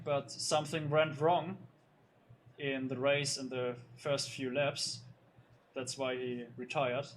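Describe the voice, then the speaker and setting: Slight background noise sits behind a mid-range male voice commentating on a sim racing league. He reviews the results loosely and hesitantly, restarting often and leaning on fillers.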